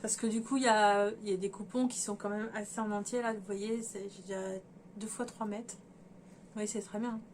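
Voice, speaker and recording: Going over fabrics for her sewing vlog, a woman speaks directly to viewers in a chatty, hesitant way, full of fillers as she thinks aloud. Her medium-pitched voice is steady and a little mellow at normal speed, with slight background noise.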